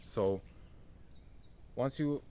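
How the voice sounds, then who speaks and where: Outdoors near a forest in the countryside, a young non-native English speaker chats loosely into his phone for a casual vlog, addressing the viewer as "bro." He has a warm, mid-range voice and draws out his words. Faint insects and outdoor sounds sit under a slight hiss or hum.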